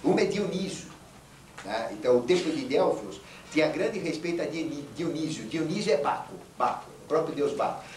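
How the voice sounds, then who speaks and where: A man's voice: on the high side, expressive, a little fast, darkish tone. Storytelling man, echoey room. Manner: storytelling, acts out quoted lines, frequent "né?" tags. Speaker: lecturer. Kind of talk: esoteric lecture retelling myths. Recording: echoey room, distant mic, faint hiss.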